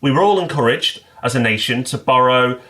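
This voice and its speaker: A man co-hosting a podcast, explaining in a measured casual way with small restarts. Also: medium pitch, bright, forceful tone. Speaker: podcast co-host.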